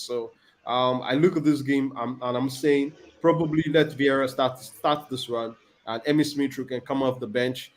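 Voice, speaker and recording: A man's voice: mid-range voice, darkish tone. Man, football talk show host, rambling, lots of ums, repeats himself. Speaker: podcast host. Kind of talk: casual football chat.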